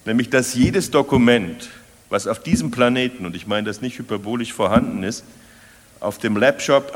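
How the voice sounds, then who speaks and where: An older man giving an academic lecture, speaking deliberately and repeating key phrases as he restates them. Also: mid-range voice. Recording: long lecture-hall reverb.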